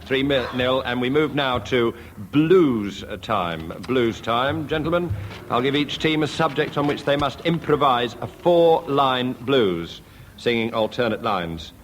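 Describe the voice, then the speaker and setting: A man chairing a radio comedy panel game, announcing games and scores in a brisk, dry way. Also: mid-range voice, expressive. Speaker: quiz chairman. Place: radio studio with live audience. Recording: 1970s radio archive, noisy.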